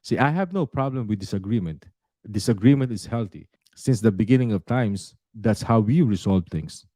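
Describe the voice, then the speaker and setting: A middle-aged, Philippine-born realtor and YouTuber talks to camera, addressing viewers earnestly and directly with frequent "uh" fillers. His voice is lowish and dark in tone, with lively intonation, a moderate pace, and no echo.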